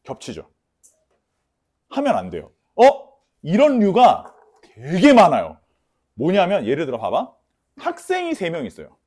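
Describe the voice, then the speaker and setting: A male math teacher lecturing with a voice that swoops all over, up and down. He leans on his warnings, repeats them, and keeps checking that the class follows. His polite classroom speech slips into rough, blunt slang. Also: fairly high pitch, huge pitch swings, measured pace, pauses often, darkish tone. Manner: repeats key warnings, asks students for confirmation. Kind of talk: lecture to students.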